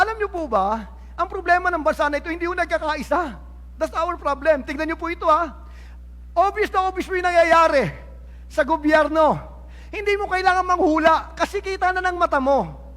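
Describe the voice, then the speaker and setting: A man's voice: very high-pitched, a bit bright. Filipino man preaching in a reverberant hall. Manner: mixes English phrases, often says "no?" and "mga minamahal ko". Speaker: pastor. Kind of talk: sermon.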